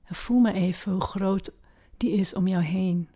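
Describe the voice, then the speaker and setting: A woman with a mid-range voice leads a guided meditation slowly and gently, leaving long pauses. She speaks softly, often dropping to a breathy near-whisper.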